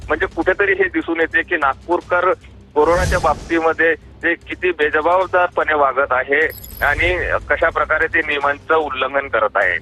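A man's voice: a little high, normal speed, pushed and bright, faint music behind, poor audio. A man, a field reporter, giving a live news update in a hesitant way with many fillers.

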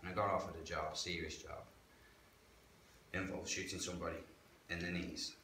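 In a bright, forceful tone with little pitch movement and a moderate pace, a low-voiced man offers candid testimony about his life. He's a frank, plain-spoken guest who chats with local slang. A far camera records him in a medium-sized indoor church hall, echoey and hissy.

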